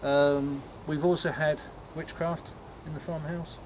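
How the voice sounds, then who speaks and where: Halting male ghost tour guide, noisy recording. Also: on the high side, level tone, a little mellow. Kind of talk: informal explanatory talk to a tour group. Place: on a night walking tour, in the dark. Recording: noisy outdoor night recording.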